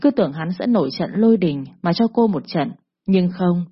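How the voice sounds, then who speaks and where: A woman's voice: fairly low pitch, expressive, moderate pace, breathy edge. A woman narrating a scripted story in a dramatic, vivid manner. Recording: dull lo-fi recording.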